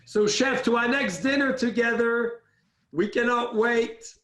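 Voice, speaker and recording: Effusive host, high voice. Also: male voice, bright, forceful tone. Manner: effusive, gracious, slow deliberate questions. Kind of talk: live-stream interview. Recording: roomy stream audio.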